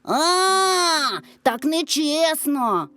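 Lady doing a bratty little imp, cheeky and taunting, pitch jumps around, soft music behind. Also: animated, a little slow. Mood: cheeky defiant. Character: small mischievous male imp, thief.

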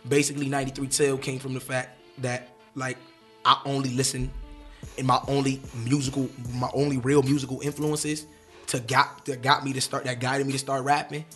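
Animated young rapper telling a story. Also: male voice, medium pitch, fairly quick, faint music behind. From Connecticut. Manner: animated, emphatic retelling with slang. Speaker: rapper and interview guest. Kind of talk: casual storytelling interview.

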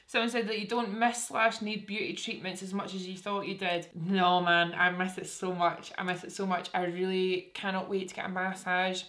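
Young scottish woman w broad accent, bit low voice, chatty n candid, jokey beauty vlogger. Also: level tone, moderate pace, hardly any pauses, fairly bright tone. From Scotland. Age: young adult. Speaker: beauty YouTuber. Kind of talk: casual chatty vlog while doing makeup. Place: indoors, small room with curtain backdrop.

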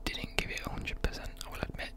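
Whispering young British ASMR creator. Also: quick pace. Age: young adult. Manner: whispering throughout; soft mouth sounds. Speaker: ASMR creator, university student. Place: indoors at a desk. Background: occasional tapping and desk creaks.

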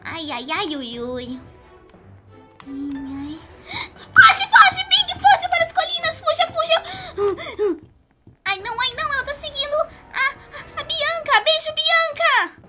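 A bubbly, excitable young cartoon pony girl, put on by a woman, squealing and giggling through game commentary. Her voice sits extremely high and swoops all over in lively leaps. Game music plays clearly behind her. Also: unhurried, exaggerated voice. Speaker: gaming youtuber. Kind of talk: gameplay commentary in character. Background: game music playing clearly.

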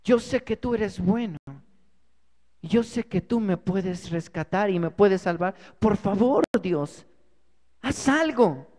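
A man's voice: sits high, sing-song, moderate pace, long pauses, warm tone, breathy edge, big-room sound, exaggerated voice. A man voicing a desperate, freezing male mountain climber who begs in a raised, strained voice. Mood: desperate pleading.

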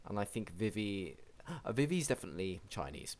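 Excitable man casting a strategy game. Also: on the low side, brisk. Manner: chatty, excitable, many restarts and fillers. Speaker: game caster. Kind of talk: casual gameplay commentary.

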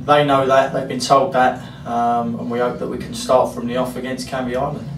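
A man's voice: mid-range voice, flat delivery, moderate pace, vocal fry, over music. A man, a football manager giving a frank post-match interview, rambling with many fillers. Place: club interview room, indoors. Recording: roomy echo, distant mic, faint hiss.

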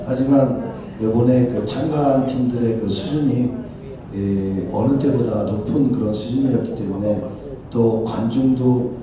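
A man, a team coach giving a plain, measured post-match speech with pauses. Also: medium pitch, recorded from a distance. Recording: echoey hall from afar, crowd.

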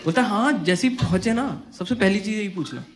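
Animated male stand-up storyteller, noisy recording. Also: sits high, a little fast. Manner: animated, acts out voices of friends and teachers. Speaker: stand-up comedian.

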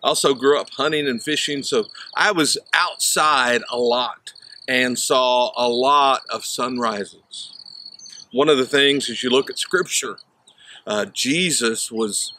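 A man's voice: medium pitch, sharp tone, a little hiss or hum. A man in his fifties, a pastor from southern Illinois, giving a conversational sunrise sermon in an open field, with frequent "uh" fillers. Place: open field outdoors at dawn. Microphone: camera at chest framing, unseen mic. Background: faint birds and insects.

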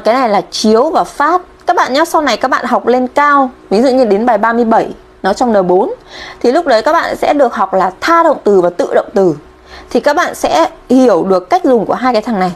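A fairly high-voiced woman from Vietnam leads a live-streamed Japanese kanji lesson. She talks in a chatty, friendly way and keeps checking in with her viewers. She sounds like a teacher speaking straight to her online class.

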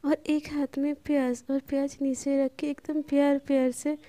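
A woman's voice: sits high, level tone, normal speed, mellow, dry recording. A woman narrating a romance story in a chatty, casual storytelling manner, dropping in English words.

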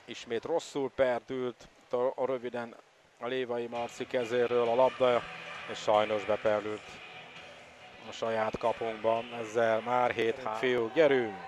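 A man giving excitable live water polo commentary, openly behind the home side. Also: medium pitch, background noise. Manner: excitable, partisan home-side commentary, swelling at attacks and goals. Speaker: sports commentator.

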